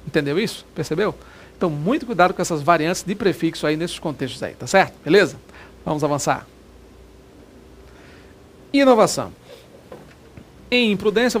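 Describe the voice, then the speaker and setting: A man teaching a recorded grammar lesson for exam prep, lively, and always asking the viewer questions. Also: fairly high pitch, a little hiss or hum.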